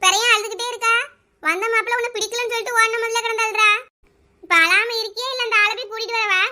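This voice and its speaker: A very high, piercing cartoon voice of a bossy village girl, played by a woman, with a Kanyakumari Tamil accent. The tone is bright and sharp, and she scolds and teases in quick bursts. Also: steady tone, heavily acted. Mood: scolding teasing. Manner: scolding, teasing, brisk. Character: shrill, bossy, teasing female village friend. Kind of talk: cartoon voice acting.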